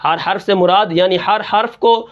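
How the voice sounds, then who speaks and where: Brief: high-pitched male recitation teacher, quizzes his class and answers each question himself, muffled lo-fi sound. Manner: asks and answers his own questions, drops low on the answer; breaks into slow, drawn-out Quran recitation to demonstrate. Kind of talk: tajweed lesson in Urdu.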